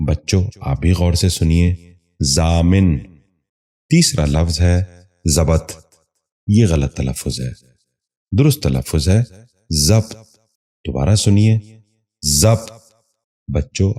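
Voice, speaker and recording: A man reading a scripted pronunciation lesson in a formal, polite way, saying each word slowly and carefully and repeating it for learners. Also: low voice, warm tone. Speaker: Urdu pronunciation teacher.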